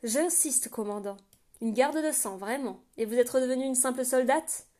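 A woman's voice: high-pitched, moderate pace, close to an everyday voice. A woman playing a stern fortress captain. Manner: loud, authoritative, clipped orders.

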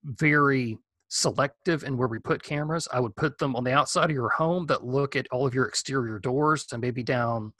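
A man's voice: mid-range voice, normal speed, few pauses, bright, forceful tone, dry recording. A man, a guest expert, giving practical home security advice in a casual interview. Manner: practical, explanatory, thinking aloud.

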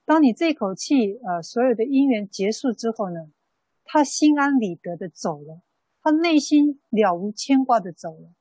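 A Buddhist nun giving a dharma talk in an unhurried storytelling way, full of soft fillers. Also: female voice, a little high, animated, slightly rough, no room sound, poor audio. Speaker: Buddhist nun teaching a sutra class.

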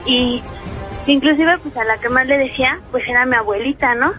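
A woman's voice: high-pitched, moderate pace, bright, forceful tone, faint music behind. A woman caller with a Mexican Spanish accent telling a personal story in a chatty way, full of fillers. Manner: chatty, many fillers like "este" and "¿no?".

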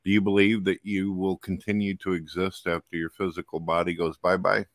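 A male host in a casual call-in debate who puts blunt hypothetical challenges to a guest and calls his own voice monotone. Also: sits low, fairly quick, no room sound, studio quality.

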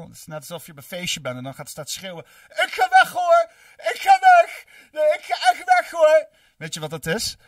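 A man's voice: fairly high pitch, a bit bright, breathy edge, no room sound, studio quality, recorded from a distance. A man hosting a livestream, reading and answering chat in a rambling, cursing way full of fillers. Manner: rambling, profane, many fillers.

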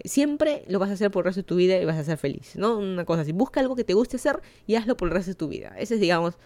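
A woman's voice: medium pitch, a little mellow, no echo. A woman from Peru with a Peruvian Spanish accent, hosting a casual solo podcast in a chatty, opinionated way with many fillers and restarts. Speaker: podcast host.

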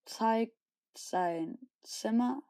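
A woman narrates a homemade audio story, loosely and with many fillers. She talks slowly, in a fairly high voice. The sound is dry. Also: warm tone, dry recording.

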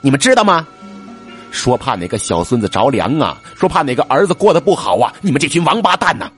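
A man voicing a sly male exorcist who scolds loudly and theatrically. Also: mid-range voice, lively intonation, normal speed, soft background music, close to an everyday voice. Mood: scolding. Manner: loud, indignant scolding.

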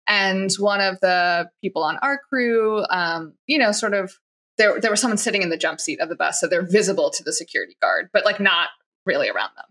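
A woman's voice: medium pitch, expressive, fairly quick, bright, forceful tone. Chatty woman giving workplace advice. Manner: chatty, many "like" fillers, acts out quoted lines. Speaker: guest expert on workplace conduct. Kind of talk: conversational advice.

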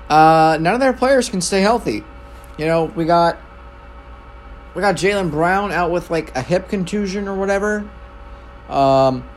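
A young man casually recapping basketball games as a host, rambling with lots of fillers and self-corrections. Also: fairly high pitch. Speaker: sports show host.

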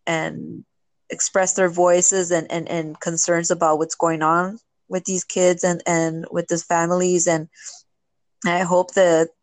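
Woman interviewee, social worker type; earnest and halting, low-pitched, dry sound. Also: flat delivery, dry recording. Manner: earnest, halting, many restarts. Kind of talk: emotional interview talk.

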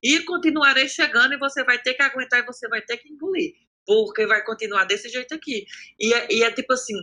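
A man's voice: extremely high pitch, fast talker, pushed and bright. An adult man from the Cariri region of Brazil with a Northeastern Ceará accent, talking in an outspoken, emphatic podcast chat and acting out quoted dialogue. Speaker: content creator, podcast guest.

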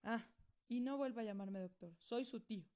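A woman's voice: fairly high pitch, normal speed, warm tone, natural voice. A woman voicing a strict, authoritarian middle-aged doctor uncle in a storybook reading, formal and scolding. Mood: stern.

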